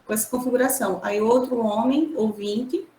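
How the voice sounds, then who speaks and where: A woman from the Brazilian Northeast, a student, sharing an example in class hesitantly with filler pauses. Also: on the high side, dark tone. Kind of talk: classroom contribution over a call. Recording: echoey room, faint background hum.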